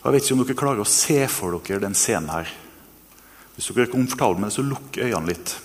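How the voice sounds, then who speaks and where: A man preaching a sermon, retelling a story with earnest energy and then guiding listeners through a quiet reflection. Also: lowish voice. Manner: earnest, animated storytelling that later turns soft and hushed. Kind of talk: sermon with guided meditation. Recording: long reverb in a hall, faint noise.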